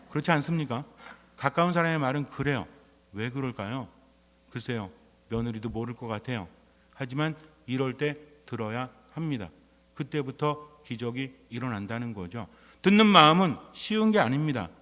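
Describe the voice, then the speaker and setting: Male priest, fairly high voice, chatty sermon full of questions, long church echo. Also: a bit bright. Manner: conversational preaching full of rhetorical questions.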